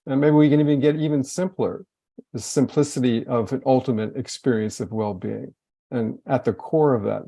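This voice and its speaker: A man with a gravelly, mellow voice gently guides a group through reflection questions. His phrasing is loose, and he often stops and restarts a thought. The sound is close and dry, with no room around it. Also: medium pitch, fairly even intonation, moderate pace, no room sound. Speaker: wellness course leader. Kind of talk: guiding a group reflection session.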